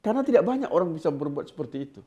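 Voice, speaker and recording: A man hosting a casual interview, asking slow, measured, emphatic questions. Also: a little high, sing-song, mellow, muffled recording. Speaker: interviewer host.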